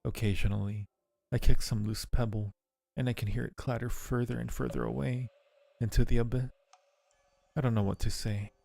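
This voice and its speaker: A man voices a devoted, lovestruck undead acolyte living in a cave in a horror game, giving a dramatic reading of the game's narration with earnest, brooding, fatalistic resignation. His medium-pitched voice is creaky and mellow, with a steady tone and moderate pace. There is no room sound, and music plays behind him.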